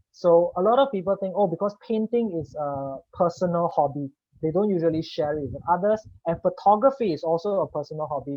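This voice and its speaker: A man's voice: high-pitched, no echo, dull audio. A communication coach from Singapore presenting a webinar and explaining ideas to his audience, often checking in with "right?". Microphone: video call.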